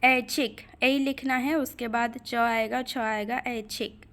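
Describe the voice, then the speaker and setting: Female Hindi teacher, slightly high voice, slow and deliberate dictation of spellings. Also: fairly even intonation, fairly bright tone. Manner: dictates words slowly, spells them letter by letter. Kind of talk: spelling lesson.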